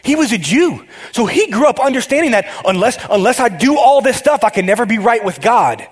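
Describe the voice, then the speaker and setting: High-voiced, excitable male preacher. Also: a little fast, husky. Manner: excitable, talks straight to the congregation with frequent restarts. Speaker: pastor. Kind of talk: conversational sermon.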